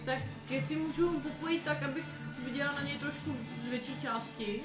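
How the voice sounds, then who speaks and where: A woman's voice: high-pitched, far from the mic. A woman playing a tabletop game, giving short, light answers and her dice results. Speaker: player. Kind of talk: casual tabletop play. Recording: echoey room, a bit off mic, loud music.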